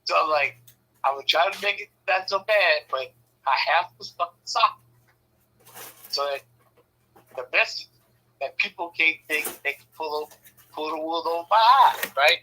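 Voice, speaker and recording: A man's voice: a little high, normal speed, long pauses, bright, forceful tone, a little hiss or hum, low-quality recording. A man casually telling a rambling, profane story, often checking in with "right?". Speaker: podcast host telling a story.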